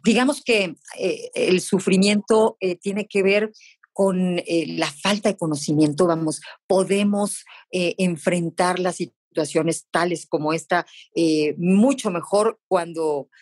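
A woman's voice: lowish voice, slow pace, darkish tone, no room sound, studio quality. A woman podcast host with a Mexican accent, speaking hesitantly with many fillers. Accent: Mexican Spanish. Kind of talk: podcast interview.

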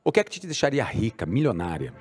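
A man's voice: lowish voice, sing-song, husky, faint music behind. A man with a Brazilian accent hosting a casual interview, teasing and bantering with his guest. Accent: Brazilian Portuguese. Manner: playful, teasing, quick banter. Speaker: host.

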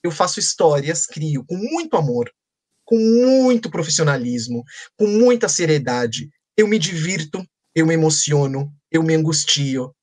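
Man, children's author, husky voice, animated storytelling, pitch that swoops up and down. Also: unhurried. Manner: animated, playful anecdotes. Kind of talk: storytelling in a conversation.

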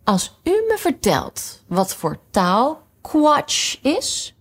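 A woman reading aloud who voices an earnest, eager young girl in a storybook, pitched a little higher. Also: wildly swooping pitch, very slow, breathy edge, full character voice.

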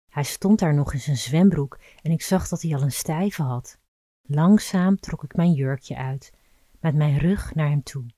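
A woman reading a scripted erotic story aloud in an intimate, measured storytelling manner. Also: deep voice, warm tone, no room sound. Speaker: narrator.

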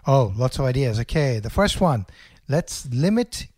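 A man's voice: medium pitch, very animated, unhurried, darkish tone, dry recording, studio quality. A man co-hosting a podcast, talking casually and with easygoing good humour. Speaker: podcast co-host. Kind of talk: casual conversational money tips.

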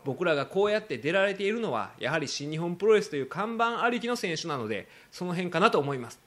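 A man with a Kansai accent, hosting a podcast in casual talk, animated and quick to laugh while he quotes others. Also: high-pitched. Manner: animated storytelling, laughing often, quoting others. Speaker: podcast host.

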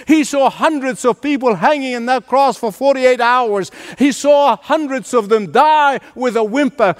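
A man's voice: very high voice, long reverb tail. A man preaching a sermon as pastor, emphatic and driving home points through repetition. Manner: emphatic preaching with repeated phrases.

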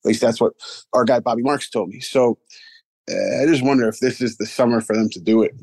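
A man with a mid-pitched voice reports calmly on what his sources have told him. He asks and answers his own questions. The sound is dry and close. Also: brisk, dry recording, low-quality recording. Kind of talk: casual sports talk.

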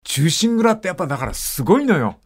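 An older man hosts a casual radio chat, reading out listener letters. His voice sits a little high and swoops around a lot. He keeps breaking into acted-out snippets of speech as he tells his stories. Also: quick pace, husky. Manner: animated storytelling, acts out dialect phrases.

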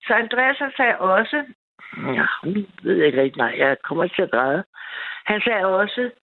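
A woman's voice: mid-range voice, sing-song. Woman, caller, tinny phone line, rambling, eager, many restarts. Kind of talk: emotional personal story on night radio.

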